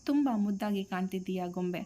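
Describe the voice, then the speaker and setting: A woman voicing a gentle young man comforting his best friend in a storybook reading, coaxing and mixing in English phrases. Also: medium pitch, fairly quick, close to an everyday voice. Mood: soothing.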